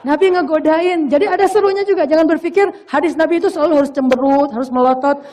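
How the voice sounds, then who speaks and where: A man's voice: very high voice, fast, a little mellow, a little hiss or hum. A man giving a casual, humorous sermon in a playful, slangy way. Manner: playful, slangy, acts out quoted voices. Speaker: preacher.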